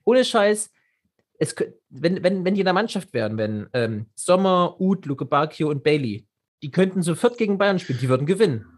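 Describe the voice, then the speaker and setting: A man co-hosting a casual football podcast, excitable, swearing casually and restarting his sentences often. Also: on the high side, brisk, breathy edge. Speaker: podcast co-host.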